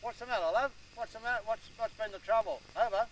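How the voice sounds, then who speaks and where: A man's voice: sits high, fast. A man chatting on a travel home video, friendly and easygoing. He also talks over a two-way radio, ending each turn with "over". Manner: warm and chatty, says "love" and "over". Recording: distant camcorder mic with loud noise.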